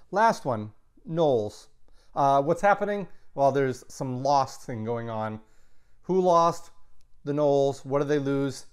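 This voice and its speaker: A man teaching a recorded grammar lesson, explaining slowly and patiently, sometimes correcting himself mid-sentence. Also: on the high side. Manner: slow, patient explaining with self-corrections and asides. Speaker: Latin teacher.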